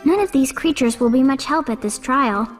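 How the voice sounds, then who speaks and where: A woman voicing a curious, polite young girl in a storybook, speaking in a bright, eager way. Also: high voice, moderate pace, faint music behind, voice pushed up, lightly acted. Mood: musing.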